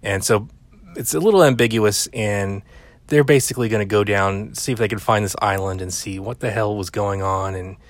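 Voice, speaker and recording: Chatty low-voiced man recapping a film. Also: moderate pace, dry recording. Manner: rambling, chatty, with frequent "uh" fillers and casual swearing. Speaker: film commentator. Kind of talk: casual film recap commentary.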